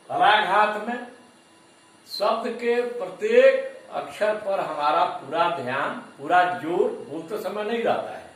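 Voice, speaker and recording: A man giving a classroom lecture to teacher trainees, speaking deliberately and repeating example words to stress them. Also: sits high. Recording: echoey room, voice far from mic.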